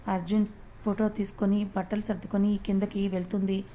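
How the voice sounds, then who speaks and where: A woman narrating a read-aloud audio story in a calm, even reading manner. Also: medium pitch, brisk, slight background noise.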